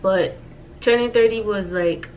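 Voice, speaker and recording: Heavy background noise and lo-fi sound surround a mid-range, unhurried female voice. An American woman in her thirties, she chats casually and playfully to camera in a life-update vlog, repeating phrases for emphasis.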